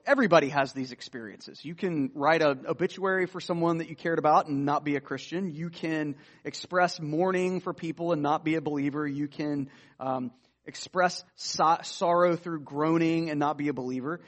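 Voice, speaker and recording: A man's voice: a little high, normal speed. A man preaching an earnest, explanatory sermon, reading scripture passages aloud and unpacking them. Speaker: pastor. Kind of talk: sermon teaching.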